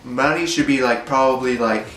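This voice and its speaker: A man's voice: medium pitch, moderate pace, fairly bright tone, faint music behind. Rambling young man vlogging in an echoey room. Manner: rambling, hesitant, many fillers. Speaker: YouTuber. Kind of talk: casual vlog monologue.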